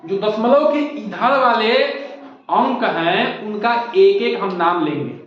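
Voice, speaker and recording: A male primary school teacher explains step by step and keeps asking his class questions. His voice sits very high for a man. The sound is dull and muffled, and a strong echo fills the classroom. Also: animated, takes it slowly. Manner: patient, repetitive, asks rhetorical questions. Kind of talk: classroom lesson. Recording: echoey muffled classroom recording.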